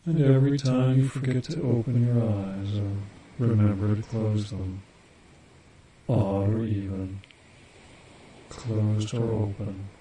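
A man guiding a hypnosis induction, speaking slow, soothing, repetitive suggestions. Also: lowish voice, flat delivery, dark tone, a little hiss or hum.

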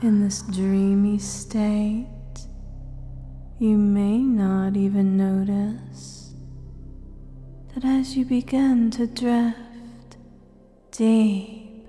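A woman speaking as a hypnotist in a guided hypnosis recording, slow and soothing, slipping often into soft whispers. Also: medium pitch, fairly even intonation. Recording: long reverb with faint music behind.

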